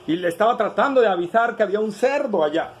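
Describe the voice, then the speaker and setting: A man's voice: high-pitched, expressive, fast, a little hiss or hum, poor audio. A man preaching a sermon as pastor. He asks the congregation rhetorical questions, tagging many lines with "¿verdad?".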